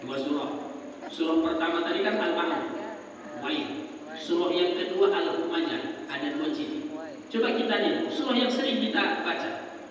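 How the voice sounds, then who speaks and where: A man preaching a sermon to a women's study group. He asks himself rhetorical questions and answers them, and chants verses in a drawn-out melodic tone. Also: high-pitched, animated, a little hiss or hum. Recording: echoey hall, distant dull mic.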